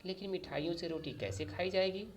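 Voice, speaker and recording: A man raising his voice to play an exasperated mother in a story lesson, protesting in quick short lines. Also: sits high, expressive, slight background noise, pitched above the performer's own voice. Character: scolding mother of the house, woman.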